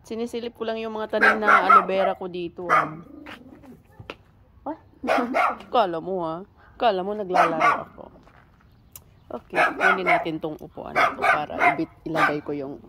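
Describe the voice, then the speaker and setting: A woman vlogging casually in her backyard, chatty and teasing with lots of exclamations. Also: mid-range voice. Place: backyard outdoors. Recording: loud background noise. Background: barking dog.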